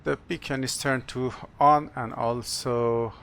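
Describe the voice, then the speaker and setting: A man who is a non-native English speaker, working as an airline captain, talking through cockpit procedures and announcements in short, halting, procedural phrases. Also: medium pitch, steady tone, gravelly, a bit bright, clear, resonant tone. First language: not English. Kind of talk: cockpit procedure narration, checklist callouts and announcements.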